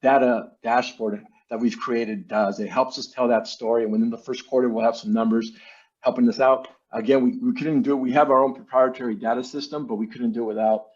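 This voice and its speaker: A man's voice: medium pitch, fairly even intonation, brisk, a little mellow. A man giving an informal, salesy slide presentation in an online meeting, speaking in casual business jargon. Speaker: presenter, marketing agency owner. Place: virtual meeting. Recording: dull lo-fi online meeting audio.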